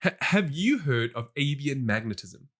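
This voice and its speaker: A man co-hosting a podcast in casual chat, animated, laughing often and restarting his sentences. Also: medium pitch, normal speed. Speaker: podcast co-host.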